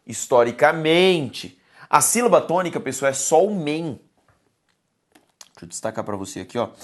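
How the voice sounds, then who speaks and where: A Brazilian woman teaching a grammar lesson for exam prep. She stresses points emphatically, keeps asking students to look and pay attention, and calls them "my dears". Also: deep voice. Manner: affectionate, calls viewers "my dears".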